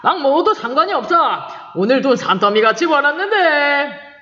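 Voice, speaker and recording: A woman voicing a drunk, boastful male rickshaw puller who shouts coarsely, in a dull, echoey recording. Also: sits high, very animated, moderate pace, pitched above the performer's own voice, heavily acted. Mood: drunk, rowdy. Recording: dull-toned echoey recording with long reverb.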